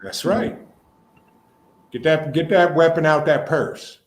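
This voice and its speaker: A man's voice: on the high side, slow pace. A man chatting casually as a livestream guest, blunt and repeating himself for emphasis. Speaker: guest on a live stream. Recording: roomy echo with light background noise.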